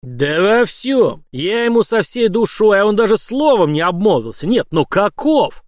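A man's voice: fairly high pitch, quick pace, no echo, clean studio sound, close to an everyday voice. A man voicing a blustering, hot-tempered middle-aged emperor who grumbles and roars, in an audiobook. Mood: furious. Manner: grumbling, bursts into roaring.

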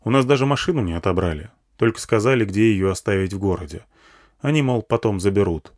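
A man's voice: lowish voice, animated, quick pace, a little mellow. A man narrating a first-person post-apocalyptic audiobook in a dry, matter-of-fact way. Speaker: audiobook reader.

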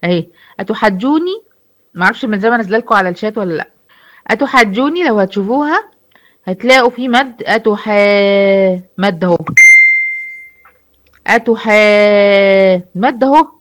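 A woman's voice: on the high side, animated, rapid-fire. A woman with an Egyptian Arabic accent teaching a recitation class online. She explains step by step, asks her students questions and answers them herself. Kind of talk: online lecture.

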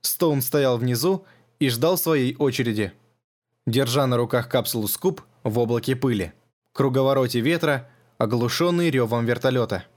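A man's voice: medium pitch, moderate pace. Man narrating an audiobook evenly. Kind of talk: scripted narration.

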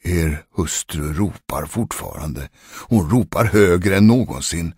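A man voicing a worried gravedigger who pleads slowly with his master, in a spoken ghost story. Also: sits low, expressive, a little mellow, breathy edge, no echo, clean studio sound. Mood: pleading. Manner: slow, pleading.

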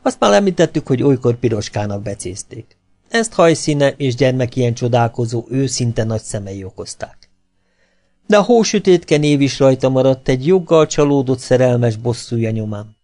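A male audiobook narrator telling a comic novel with a knowing, ironic touch. His voice is mellow and dark, and he poses rhetorical questions and then answers them himself. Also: medium pitch. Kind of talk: scripted narration of a humorous novel.

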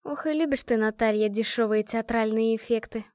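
A woman's voice: medium pitch, big pitch swings, dry recording, clean studio sound, lightly acted. A woman voicing a playful young fighter who teases and snaps at her teammates. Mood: reproachful. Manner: teasing, quick to snap.

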